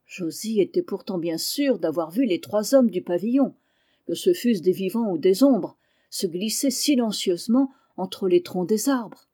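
Warm-voiced woman reading a novel aloud. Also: medium pitch, slightly rough. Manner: measured, expressive storytelling. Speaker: audiobook reader. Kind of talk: scripted narration of a novel.

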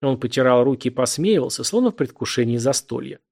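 A man narrating a novel as an audiobook in an expressive, vivid reading. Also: mid-range voice, fast talker, gravelly.

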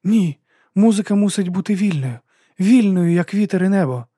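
A man voicing a calm, entranced young male guitarist who speaks slowly and firmly. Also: sits high, breathy edge, dry recording, studio quality, pitched above the performer's own voice. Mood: dreamy.

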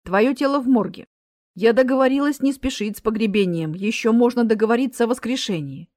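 A woman's voice: a little high, brisk, darkish tone, no room sound, studio quality, natural voice. Woman doing a grumpy skeletal Death. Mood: stern. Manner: gruff, clipped and grudging.

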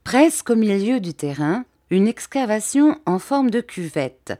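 A woman reading a novel aloud as an audiobook narrator, voicing the dialogue with lively shifts in pitch and loudness. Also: a little slow, no echo, clean studio sound. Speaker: audiobook reader. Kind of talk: scripted narration.

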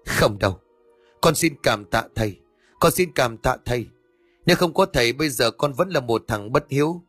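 A remorseful son speaks tearfully and gratefully, as a male storyteller puts him on. His voice is husky and dry, read close in an audiobook. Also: mid-range voice, lively intonation, normal speed, a bit bright, dry recording, faint music behind. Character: grieving grown son, remorseful.

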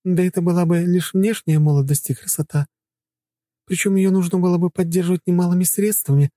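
A man voicing a dazed, weary woman who has just been made younger, in an audiobook, using a high put-on voice. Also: fairly even intonation, fairly quick, mellow, no room sound, studio quality, close to an everyday voice. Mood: weary wonder. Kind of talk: audiobook narration.

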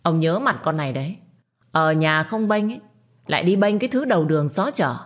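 A woman voicing a spiteful, bratty young woman in a storybook reading, with a shrill, taunting, whiny delivery. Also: lively intonation, fairly quick.

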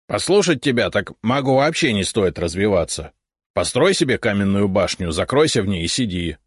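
An excitable, boastful dragon head, put on by a male audiobook reader, keen on curiosity and quick to argue. It rises above the reader's low voice and swings in lively contours, close and dry on the mic, with no room in it. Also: slightly rough, dry recording. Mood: eager. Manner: enthusiastic, triumphant, argumentative. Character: eager curious dragon head, male, ancient magic guardian.

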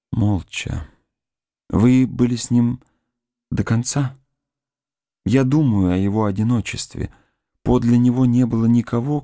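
A man's voice: medium pitch, gravelly, warm tone, no echo, studio quality, pitched above the performer's own voice. A man reading the part of a grieving young woman who mourns her dead fiancé, pleading and tearful. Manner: pleading, tearful, rising to cries. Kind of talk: audiobook character reading.

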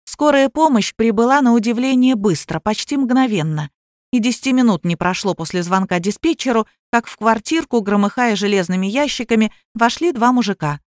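A woman's voice: on the high side, fairly quick, no room sound, clean studio sound. Woman narrating an audiobook.

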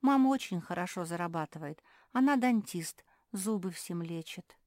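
A woman's voice: fairly low pitch, expressive, normal speed, a little mellow, no echo, studio quality, close to an everyday voice. A woman voicing a practical male terrier in a storybook, with a plain, level delivery. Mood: matter-of-fact.

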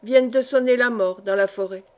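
Un intendant intrigant, lu par une femme, au ton neutre et mesuré. Voix assez haute, dans une lecture de livre audio. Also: female voice, a little high, brisk, close to an everyday voice. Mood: reporting. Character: scheming male steward, adult. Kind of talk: audiobook character reading.

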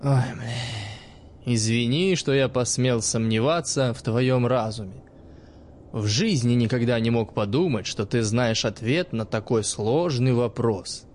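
A man playing a stern, gruff old teacher who speaks in a dry, sarcastic and sometimes menacing way. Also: medium pitch, measured pace, darkish tone, a little hiss or hum, lightly acted. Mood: mocking.

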